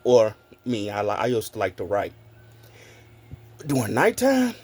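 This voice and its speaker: Husky, lively man telling stories. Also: fairly low pitch, moderate pace. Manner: animated, laughs often, talks straight to viewers; casual, with frequent swearing. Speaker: content creator. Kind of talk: casual storytelling vlog.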